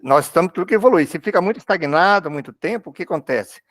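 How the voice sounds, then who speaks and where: A man with a Brazilian accent talking in a religious study group, halting and repeating words as he thinks. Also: high voice, lively intonation, fairly bright tone, dry recording, studio quality. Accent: Brazilian Portuguese.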